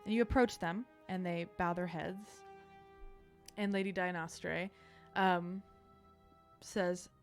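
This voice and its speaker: A woman's voice: fairly low pitch, steady tone, slow, faint music behind. A woman narrating as game master in a tabletop game, chatty and loosely improvised, with plenty of fillers.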